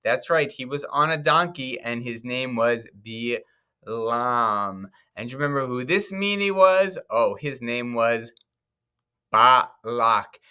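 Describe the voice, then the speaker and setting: A man teaching young children, telling a story and leading them in song with an animated, sing-song manner. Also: medium pitch, slow, clean tone. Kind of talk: storytelling and singing lesson for children.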